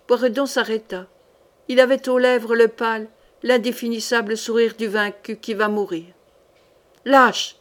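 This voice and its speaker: A woman reading a historical novel aloud, with measured, dramatic narration. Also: on the high side. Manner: measured dramatic narration, voices the characters lightly. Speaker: audiobook reader.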